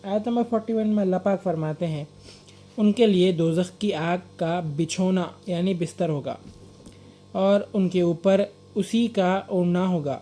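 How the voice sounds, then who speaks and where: Man reading scripture translation, dark voice. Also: high-pitched. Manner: quick reading with restarts and filler sounds. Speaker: Quran translation reader.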